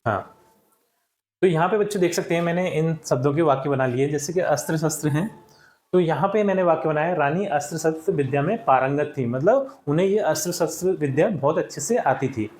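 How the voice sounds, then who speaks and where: A man's voice: a little high, fairly quick, a little mellow, roomy sound. A male teacher patiently walking children through answers step by step in a classroom lesson. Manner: patient, explains step by step, often addresses children.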